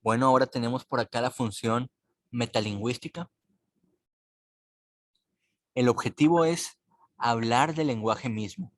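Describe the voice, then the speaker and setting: Male teacher, unhurried and patient, mid-pitched voice, dry close recording. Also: no room sound. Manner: slow, patient, repeats words for clarity. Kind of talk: recorded online class explanation.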